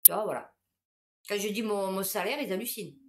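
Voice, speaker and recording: A woman, a supermarket cashier, telling anecdotes in a casual, animated monologue. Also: mid-range voice, fairly quick.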